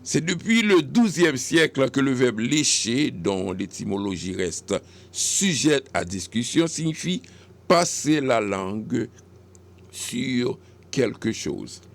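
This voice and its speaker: On a radio segment about French usage, a Haitian-accented host speaks unhurriedly in a medium-pitched, expressive voice with a gravelly, creaky texture. He patiently explains and corrects expressions word by word, with small hesitations along the way.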